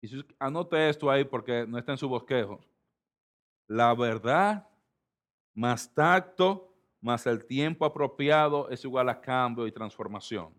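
A middle-aged man from the Republic, preaching a sermon with emphatic swings between loud and soft delivery. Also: medium pitch, unhurried. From Dominican Republic. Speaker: pastor.

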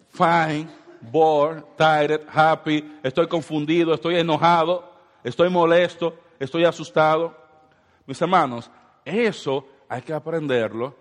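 A man's voice: on the high side, big-room sound. A man in his thirties preaching a sermon as pastor, asking the congregation rhetorical questions.

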